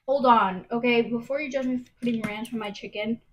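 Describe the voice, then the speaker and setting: A woman's voice: fairly high pitch, steady tone, a little fast, muffled recording, a little hiss or hum. A young woman, a college student, chatting casually to a propped-up camera in her kitchen, rambling off on gossipy tangents. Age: young adult. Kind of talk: casual vlog chat to camera. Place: home kitchen, later a bedroom. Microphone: phone camera propped at arm's length, later a handheld mic.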